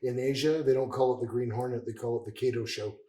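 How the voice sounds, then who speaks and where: A man in his sixties from Canada co-hosts a casual chat and eagerly chimes in with details. He speaks at a middle pitch, and his voice carries the echo of the room. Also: steady tone, quick pace, warm tone, recorded from a distance. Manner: chatty, knowledgeable, eager to add details. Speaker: podcast co-host. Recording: echoey room.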